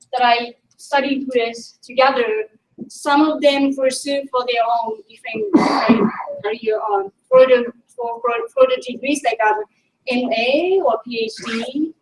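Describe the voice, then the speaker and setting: Recorded on a distant mic in an echoey room with faint noise, a linguistics teacher presents informally at a conference. She's middle-aged, a native Japanese speaker with a Japanese accent, and her high voice pauses often as she searches for words.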